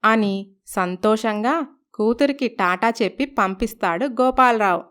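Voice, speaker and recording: A woman narrating a cartoon moral story in a steady, scripted storytelling manner. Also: a little high, unhurried, clear, resonant tone.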